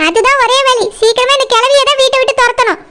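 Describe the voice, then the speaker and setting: A woman's voice: very high-pitched, fairly even intonation, fast, bright, forceful tone. A woman voicing a resentful young daughter-in-law in a cartoon, complaining to herself in a Kanyakumari Tamil accent.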